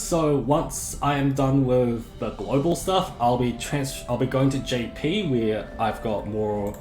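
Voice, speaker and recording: Hoarse from a sore throat, a man chats his way through a casual live game stream, rambling and often fixing his sentences partway through. His slightly high voice is plain, monotonous and droning, echoing around the room with faint music behind it.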